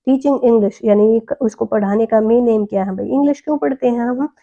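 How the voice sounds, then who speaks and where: A woman tutor works through an exam paper, reading each question out slowly and then explaining it step by step. Her voice is very dark and mellow, and the recording sounds dull and muffled. She keeps asking questions and answering them herself. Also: on the high side. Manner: reads English questions slowly, explains in Hindi. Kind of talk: exam paper walkthrough lesson.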